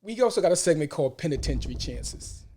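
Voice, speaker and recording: A man with a Brooklyn accent hosts in a casual, conversational way. His voice sits a little high, and he often repeats phrases for emphasis. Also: sing-song, fast talker, dark tone, slight background noise. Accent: Brooklyn, New York. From Brooklyn, New York. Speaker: podcast host.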